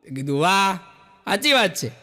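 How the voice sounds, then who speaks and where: At a moderate pace, a man performs Gujarati folk jokes to a live audience in a big room, with heavy background noise and audience laughter. He's an animated storyteller who voices each quoted character through jumps in pitch.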